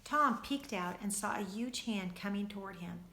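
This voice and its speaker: A woman teacher reading a storybook aloud to children, expressive and speaking to them directly. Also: medium pitch, normal speed, creaky, roomy sound, slight background noise.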